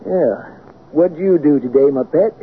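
An actor playing a mild, trusting husband with a hesitant, genteel manner in a radio drama. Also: male voice, fairly high pitch, unhurried, slight background noise, close to an everyday voice. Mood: cheerful, affectionate. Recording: muffled phone-like radio recording.

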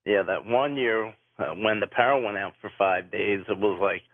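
A man's voice: lowish voice, normal speed, no room sound. A man calling in to a radio show, talking in a casual, easygoing, slightly hesitant way. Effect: phone line into a radio show. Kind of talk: casual call-in chat. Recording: tinny phone line.

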